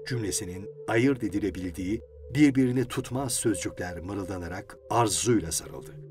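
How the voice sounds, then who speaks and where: A man reading a story aloud in an expressive way, his voice moving up and down a lot. Music plays under the narration throughout. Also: mid-range voice. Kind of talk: audiobook narration. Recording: music playing behind.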